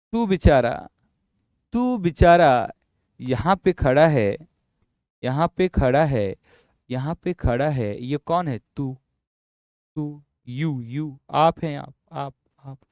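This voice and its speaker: Slow, coaxing man teaching physics. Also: fairly high pitch, lively intonation, darkish tone, no echo, studio quality. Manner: drawn-out, repetitive explaining, coaxing students with "yaar" and "bhai". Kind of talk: classroom lecture.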